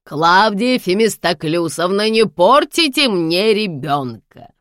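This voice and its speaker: A sharp-tongued grandmother in her later years, voiced by a woman reading a storybook. She speaks slowly and tartly in a low register. The sound is dry and close to the mic. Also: expressive, dry recording. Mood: sarcastic. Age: over 60 (figure). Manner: slow, clipped, tartly sarcastic. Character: elderly grandmother, stern, sharp-tongued, commanding.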